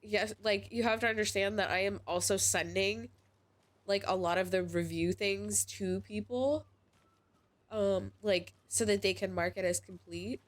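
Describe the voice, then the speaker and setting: A woman's voice: medium pitch, steady tone, a little slow. A woman chats on a live game stream with a stuffy, congested voice from a cold. She rambles casually, filling her talk with "like" as she plays. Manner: chatty, rambling with many "like"s. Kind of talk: casual live-stream chat while gaming.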